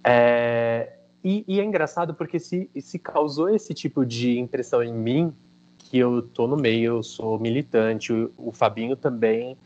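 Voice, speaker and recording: A man with a Brazilian Portuguese accent hosting a casual interview, telling a story with lively quotes of what others said. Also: medium pitch, a little slow, highs cut off. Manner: animated storytelling, quoting others. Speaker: host.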